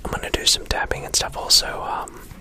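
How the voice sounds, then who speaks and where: An ASMR creator with an Australian accent whispers softly and briskly into a close USB desk microphone in a small home studio. The talk rambles, full of fillers.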